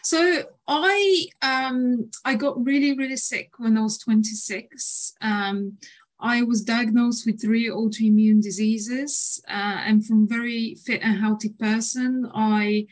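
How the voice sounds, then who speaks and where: Speaking with a fairly high pitch, this woman in her thirties from Bulgaria works as a nutritional therapist. She responds to interview questions at a measured pace, leaning on frequent fillers.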